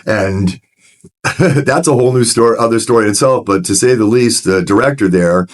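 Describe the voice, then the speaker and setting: A middle-aged man with a low, deep voice tells his story with earnest frankness. He restarts sentences as he goes and gets animated when he retells a scene. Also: moderate pace. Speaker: recovery director, podcast guest. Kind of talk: candid personal storytelling in conversation.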